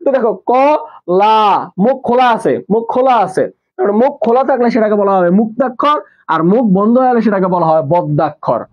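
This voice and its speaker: High-voiced man teaching a live class. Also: expressive, fast talker, highs cut off. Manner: repeats key terms, quizzes students and answers himself. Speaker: nursing admission teacher.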